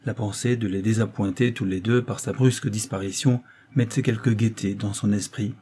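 A man reading a literary novel aloud as an audiobook narrator, in a measured, even storytelling manner. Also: fairly low pitch, slight background noise. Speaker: audiobook reader.

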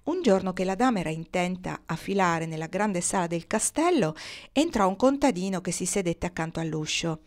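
A woman's voice: on the low side, lively intonation, a little fast, darkish tone. Woman reading a novel aloud. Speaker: reader.

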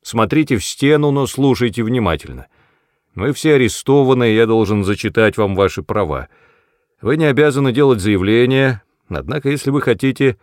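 A man reading the part of a commanding male police lieutenant who barks loud, clipped orders in an audiobook. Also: medium pitch, lively intonation, moderate pace, no echo, clean studio sound, pitched above the performer's own voice, close to an everyday voice. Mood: firm.

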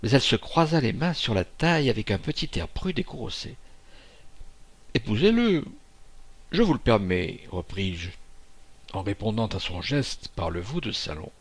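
A man reading a classic novel aloud as a volunteer audiobook narrator, expressive, with occasional hesitations. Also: on the low side, moderate pace, husky.

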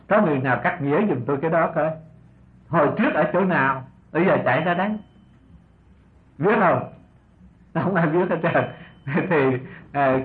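An older man giving an unhurried Buddhist sermon as a monk teacher, often asking his listeners rhetorical questions and chuckling softly. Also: on the high side. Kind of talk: dharma talk sermon. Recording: tinny lo-fi old recording.

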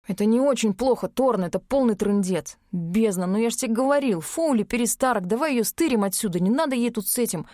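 A woman reading an audiobook, voicing a brash, foul-mouthed young male werewolf twin in a rough, quick voice. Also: a little high, animated, mellow, no room sound, clean studio sound, close to an everyday voice. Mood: agitated.

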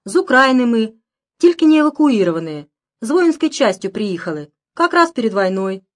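A woman reading an audiobook, voicing an excited Ukrainian village neighbor woman with a sing-song Ukrainian accent. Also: on the high side, moderate pace. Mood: pleading. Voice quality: sing-song, mixing Ukrainian words into Russian.

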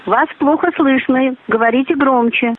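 A woman's voice: high voice, moderate pace, slightly rough. Glitchy robotic looped woman on a phone line. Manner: repeats the same stock lines regardless of replies. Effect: canned looping phrases played over a call, glitchy and robotic.

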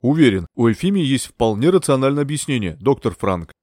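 A man reading an audiobook, voicing a weary, helpless gentleman who talks in a sighing, resigned way. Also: medium pitch, sing-song, a little fast, no room sound, clean studio sound. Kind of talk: audiobook character voice.

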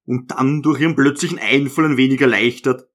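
A man reads a classic novel aloud in a steady, measured voice of middling pitch. His narration is calm and even, setting out long sentences with care. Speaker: audiobook narrator. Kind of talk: literary audiobook narration.

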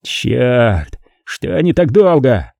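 Guy doing a snappy gang boss yelling orders, kinda husky. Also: mid-range voice, very animated, slow, dry recording, clean studio sound, exaggerated voice. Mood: harsh. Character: panicked male gang boss, harsh, short-tempered.

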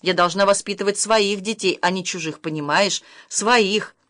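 A woman's voice: medium pitch, normal speed, a bit bright, dry recording, clean studio sound, natural voice. A woman reading the lines of a distressed young stepmother, reproachful and emotional, her voice rising when upset. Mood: hurt reproach.

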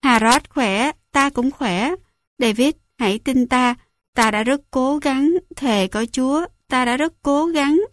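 A woman does a tearful mother begging her son, high and dry. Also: slow pace, no room sound. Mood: distraught. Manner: tearful, apologetic, urgent.

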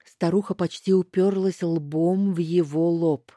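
A woman giving first-person audiobook narration in a slow, deliberate way. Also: fairly low pitch, fairly even intonation, warm tone, no echo, studio quality.

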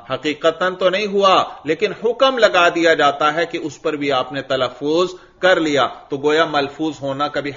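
A man with a bright, forceful and fairly high voice teaches grammar in a lecture. He intones the Arabic lines in a chant, explains them plainly and keeps asking whether his listeners follow. The lecture recording sounds dull and lo-fi. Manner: addresses listeners as brother, checks they follow. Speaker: religious teacher.

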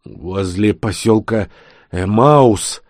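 A cautious, wordy city man, as a reader plays him, laying out the route with care. He speaks slowly, with a low voice. The storybook recording is dry and close. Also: darkish tone, dry recording. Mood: explaining.

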